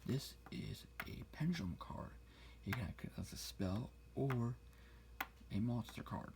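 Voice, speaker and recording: A man speaking very quietly, sometimes whispering, close to the ear in an ASMR style, reading things out slowly. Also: mid-range voice, expressive, vocal fry, noisy background. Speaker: ASMR card collector showing a deck. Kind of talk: quiet ASMR talk, soft-spoken to whispered. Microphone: close-up ASMR mic.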